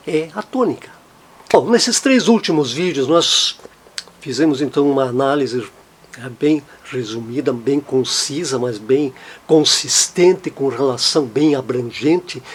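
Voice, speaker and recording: A man teaching a language lesson, patient and explanatory, slowly repeating each example word. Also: fairly high pitch, husky. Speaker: German teacher.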